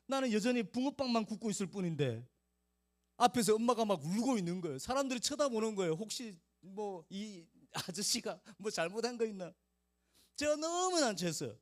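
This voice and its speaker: A male pastor preaching a storytelling sermon in a conversational way, speaking directly to the children in his congregation by name. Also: high voice.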